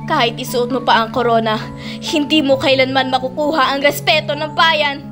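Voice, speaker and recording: A woman's voice: high voice, steady tone, normal speed, music in the background, lightly acted. A woman playing a proud, defiant young noblewoman with firm, dramatic old radio drama delivery.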